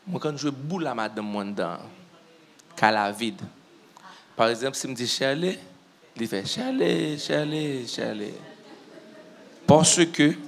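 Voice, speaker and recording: A man preaching in church, telling a story and acting out what people said to him. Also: medium pitch. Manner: animated storyteller who acts out what people said. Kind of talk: storytelling sermon testimony.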